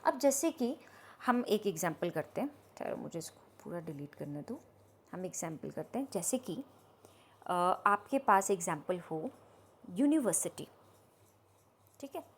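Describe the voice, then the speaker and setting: A woman teacher, explaining grammar slowly and often checking that her students understand. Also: on the low side, big pitch swings, breathy edge. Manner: explains slowly, asks the class if they understood. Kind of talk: grammar lesson.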